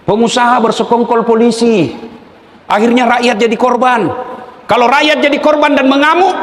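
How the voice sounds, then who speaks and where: A man with a Makassar Indonesian accent preaching a humorous sermon to a live crowd, joking and shouting questions for the audience to answer. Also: very high voice. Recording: echoey hall, long reverb.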